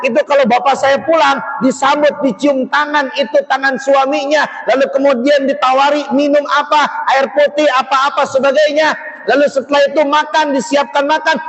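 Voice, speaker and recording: A man's voice: very high-pitched, a bit bright. A man preaching in a mosque and joking, often asking the crowd questions. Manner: jokey, keeps asking the audience questions. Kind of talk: mosque sermon with audience banter. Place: mosque hall. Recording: echoey mosque hall, muffled sound.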